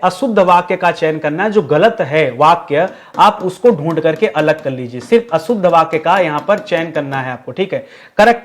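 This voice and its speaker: A young man teaching an online exam-prep Hindi lesson, chatty and lively, talking to students as friends. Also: high voice.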